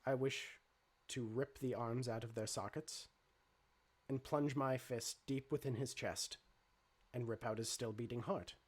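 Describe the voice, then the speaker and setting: A cold, menacing male robot from a tabletop game, as the man running the game puts him on. He speaks in a low, measured, formal way, held quieter and deeper than the game master's normal talk. Every word comes out carefully weighed. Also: fairly even intonation, breathy edge.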